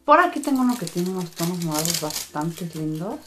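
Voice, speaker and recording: A woman's voice: fairly low pitch, sing-song, a little fast, background noise. A woman hosting a casual craft demonstration, narrating in a sing-song, enthusiastic, welcoming way. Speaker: host of a slime channel. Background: music.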